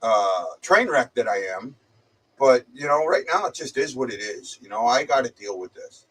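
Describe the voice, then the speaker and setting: A man's voice: medium pitch, expressive, moderate pace, husky. Man sounding muffled, like on speakerphone. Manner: rambling, hesitant, stumbling repeats. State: slight head cold. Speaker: livestream host. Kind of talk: casual chat. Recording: distant muffled mic.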